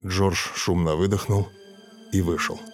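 Low-voiced male audiobook narrator. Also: fairly even intonation, a little slow. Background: soft music.

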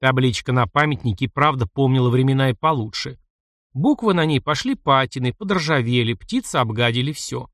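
Brief: male narrator, animated pitch, dry studio read. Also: a little fast, no room sound. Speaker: audiobook narrator. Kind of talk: literary audiobook narration.

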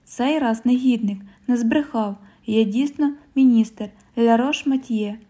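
A woman's voice: on the high side, unhurried, dark tone. A woman voicing a haughty, cornered male government minister who speaks with indignation. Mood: indignant.

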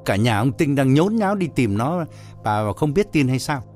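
Brief: a man playing an unbothered older husband, flat and offhand, grumbling at his wife, storybook reading. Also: mid-range voice, normal speed, faint music behind, close to an everyday voice. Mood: dismissive. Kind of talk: audiobook storytelling.

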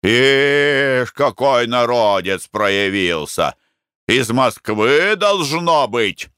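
A man voicing a rough, suspicious hotel corridor servant who barks accusations in an audiobook. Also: medium pitch, expressive, takes it slowly, no echo, clean studio sound, full character voice. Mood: grumbling. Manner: shouting, gruff accusations.

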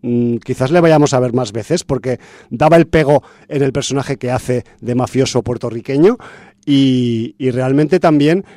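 A man's voice: medium pitch, normal speed, dark tone, no room sound, studio quality. A man from chatting casually about a film's cast as a podcast host, full of fillers and restarts. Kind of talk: casual film review chat.

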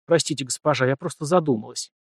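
A man's voice: a little high, lively intonation, fast talker, no echo, studio quality, lightly acted. A man voicing a frightened young female slave and sorceress who speaks timidly. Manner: timid, pleading.

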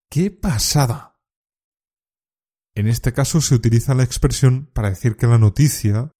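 A man gives a scripted lesson, explaining everyday expressions calmly and clearly. His voice is deeply dark and mellow, sitting at a medium pitch. He speaks at an even, measured teaching pace. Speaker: Spanish teacher.

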